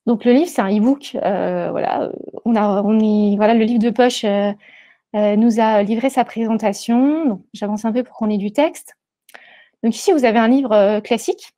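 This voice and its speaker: A woman leads a live online demo through an earpiece headset. Her voice is fairly high but mellow and soft-edged. She stops and restarts often and fills pauses as she talks. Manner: hesitant, many fillers and restarts. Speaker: presenter of a product webinar. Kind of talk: live webinar screen-share demo.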